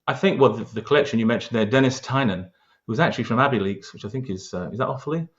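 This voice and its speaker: This award-winning local historian speaks with a London accent, talking earnestly and quickly about local history in an interview. His voice sits at medium pitch, and he often restarts and hesitates. The audio is lo-fi.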